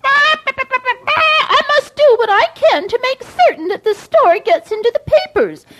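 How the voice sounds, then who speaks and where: Huffy respectable hen, indignant, piping high voice, slow. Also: female voice, animated, a bit bright, soft background music, full character voice. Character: prim, self-righteous respectable hen. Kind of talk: storybook reading.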